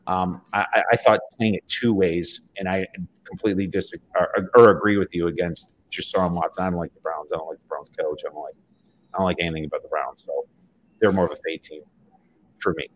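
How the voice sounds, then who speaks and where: A man's voice: low-pitched, fairly even intonation, a little fast, rough recording. A man talking over a video call as a betting guest in casual podcast chat, blunt and repeating his dislikes. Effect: heard over a video call connection.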